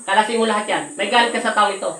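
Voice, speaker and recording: Commanding woman healer with a gravelly, bright voice. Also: mid-range voice, fairly even intonation, rapid-fire. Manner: commanding, repeats questions loudly, often shouting. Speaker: folk faith healer. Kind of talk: interrogating a spirit during a healing ritual. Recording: echoey room, voice from some distance, faint hiss.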